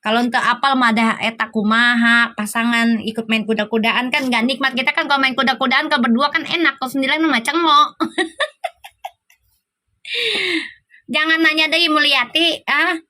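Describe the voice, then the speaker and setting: Middle-aged female live-stream host, Sundanese-flavored Jakarta accent, high voice, teasing banter. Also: a little slow, bright, forceful tone. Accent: Sundanese-flavored Jakarta Indonesian. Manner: teasing, laughing, playful banter. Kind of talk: casual live-stream chat with viewers.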